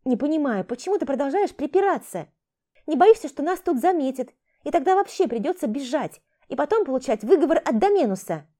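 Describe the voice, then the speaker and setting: A woman's voice: high-pitched, big pitch swings, a little fast, voice pushed up. A woman voicing a brash, impatient young female thief who talks in a bossy, snappish way. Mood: brisk, persuasive. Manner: bossy, snappish, sharp-tongued. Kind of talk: audiobook character voice.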